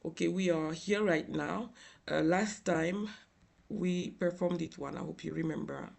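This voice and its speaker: Tearful man with a very creaky voice. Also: on the high side. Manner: halting, hesitant, frequent filled pauses. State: tearful, crying voice. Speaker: software tutorial instructor. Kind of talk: informal screen tutorial narration.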